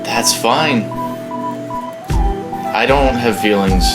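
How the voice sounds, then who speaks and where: A man's voice: medium pitch, extremely slow, roomy sound, loud music behind the voice. A man co-hosting a comedy podcast, blunt and wry, often sounding exasperated in casual banter. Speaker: podcast co-host.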